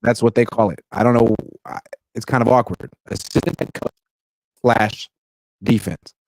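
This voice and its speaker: A man's voice: on the low side, fairly even intonation, moderate pace, creaky, a little mellow, dry recording. A man in his thirties talking casually as a podcast co-host, his voice breaking up through a crackling, distorted microphone. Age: 30s. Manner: conversational, reads listener comments aloud. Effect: crackling, distorted mic. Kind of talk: casual chat.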